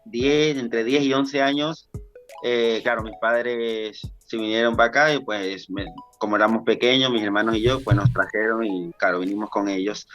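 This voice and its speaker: Bright-voiced Ecuadorian man, rambling chat. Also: fairly low pitch, steady tone, moderate pace, soft background music. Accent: Ecuadorian Spanish. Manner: chatty, rambling with many restarts. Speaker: guest dancer. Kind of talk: casual podcast interview.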